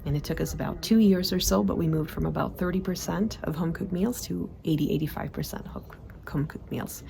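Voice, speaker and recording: A Swedish-speaking productivity vlogger gives a casual monthly report to camera in a low, gravelly, warm voice. She talks fairly quickly and chattily, with frequent fillers and restarts, and there is slight background noise.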